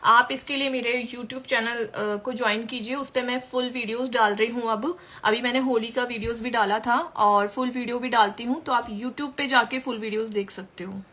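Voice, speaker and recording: A woman's voice: a little high, steady tone, normal speed, hardly any pauses, pushed and bright. A woman makeup artist teaching makeup in a chatty way during a live-stream tutorial, answering viewer questions as she works.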